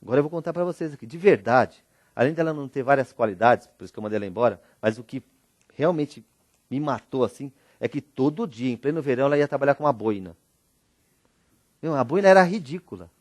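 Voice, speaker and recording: A middle-aged man from Brazil giving a motivational talk, telling personal stories in an animated, joking way and speaking straight to the audience. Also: medium pitch, fast talker, no echo, studio quality. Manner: animated, jokey, addresses audience directly. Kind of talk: storytelling keynote talk.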